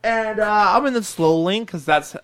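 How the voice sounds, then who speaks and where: A young man telling a rambling, animated story in casual chat, swearing freely and laughing through it. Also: high-pitched, moderate pace, clear, resonant tone.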